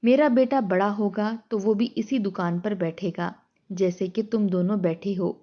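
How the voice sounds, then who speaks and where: A woman's voice: medium pitch, fairly even intonation, dull audio, lightly acted. A woman voicing an aging, unwell father who lectures his grown sons firmly, in a told story. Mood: stern. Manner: stern, lecturing.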